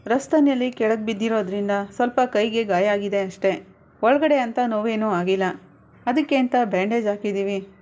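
A woman voicing a calm doctor who briskly explains a minor injury. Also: mid-range voice, lightly acted. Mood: reassuring. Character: calm matter-of-fact doctor. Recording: dull lo-fi recording.

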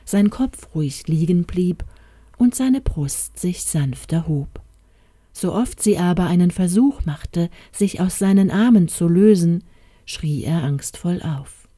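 A woman narrating an audiobook story in a calm, measured reading. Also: fairly low pitch, no echo, studio quality.

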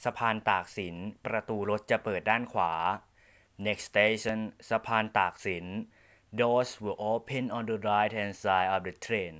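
A man reading formal onboard train announcements, in a measured, deliberate delivery. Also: lowish voice, steady tone, a bit bright, clear, resonant tone. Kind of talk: prerecorded bilingual train announcements.

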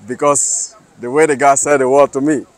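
Man from Liberia, 30s, street interviewee, halting, earnest, middle pitch. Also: fairly even intonation. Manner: hesitant, many fillers and restarts, earnest. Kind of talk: casual street interview answers. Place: sunny city square outdoors.

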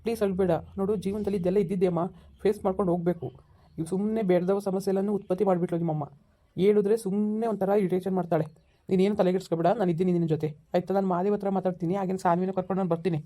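A man playing a father who calms his upset daughter on the phone in an amateur village family drama. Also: sits high, rapid-fire. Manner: soothing, reassuring.

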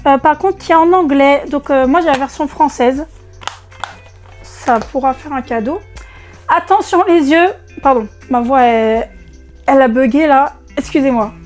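A woman unboxing video games in a casual vlog, excitable and chatty, with a strained voice she tries not to push. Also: high voice, moderate pace, soft background music. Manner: excitable, chatty, many fillers. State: strained voice, holding back from shouting. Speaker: vlogger.

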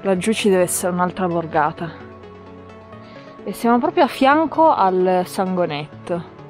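A woman chats casually to a handheld camera on a hike. Her voice sits fairly low, and there is some music underneath. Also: expressive, a little slow. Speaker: hiking vlogger. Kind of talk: casual vlog chat. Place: outdoors on mountain roads and trails. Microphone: action camera at arm's length.

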